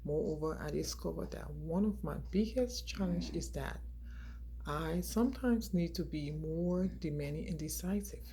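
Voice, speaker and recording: A woman's voice: sits low, normal speed, dark tone, a little hiss or hum, rough recording. A woman from Liberia in her forties, a graduate student reading a class presentation from slides with small restarts.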